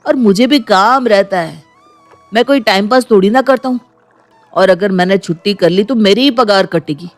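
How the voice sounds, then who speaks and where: A man's voice: high-pitched, normal speed, faint music behind. Male VO: defensive young husband, complaining, cartoon.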